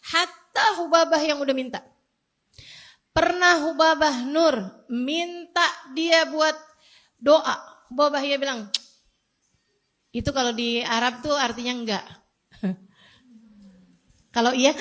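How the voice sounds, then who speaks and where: A woman in her forties, an Indonesian preacher, telling a personal story in a lively, self-mocking way. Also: sits high. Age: 40s. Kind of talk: storytelling religious talk.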